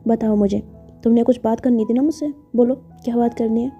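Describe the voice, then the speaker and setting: A woman voicing an affectionate, easygoing middle-aged father in a told story, speaking fondly and with gentle teasing. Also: fairly high pitch, fairly even intonation, a little fast, dull audio, soft background music, natural voice. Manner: fond and teasing.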